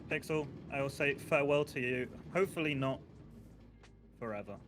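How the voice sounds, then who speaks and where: A man doing in-character game roleplay with measured, formal phrasing. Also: medium pitch, background noise.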